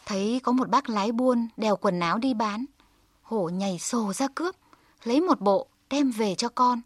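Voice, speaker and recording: A woman narrating a folk tale in a calm, measured storytelling manner. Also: a little high, no echo.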